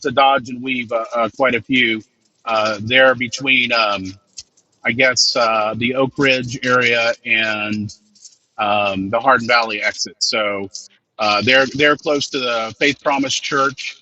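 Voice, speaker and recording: A man giving a halting, unscripted live storm report from inside a moving car, with rain on the car. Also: mid-range voice, steady tone, sharp tone. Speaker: field reporter phoning in from a car. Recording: dull, noisy live link from car. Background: rain on the car, clicks and rattling.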